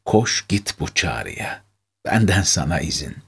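A man voicing a tender-hearted older mother who talks to her son in a warm, motherly, urging way. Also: sits low, very animated, measured pace, creaky, breathy edge, heavily acted.

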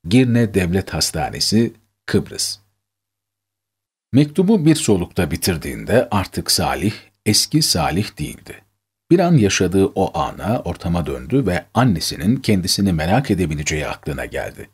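Low husky male storyteller. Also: sing-song, moderate pace. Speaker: narrator. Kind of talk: scripted story narration.

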